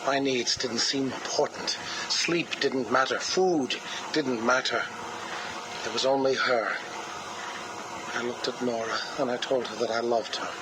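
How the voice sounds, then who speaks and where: A man's voice: mid-range voice, steady tone. A cold, grieving scientist who measures every word and lingers on his loss. He is heard through the hiss of a played-back cassette tape. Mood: mournful. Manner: slow, controlled, mournful delivery. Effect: played back from a cassette tape recording. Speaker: interview subject. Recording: hissy cassette tape playback.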